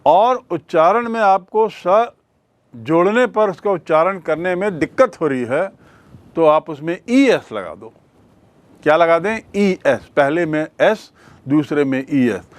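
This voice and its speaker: A man's voice: high-pitched, dry recording. A man teaching a grammar lesson who asks the class questions, answers them himself and spells words out letter by letter.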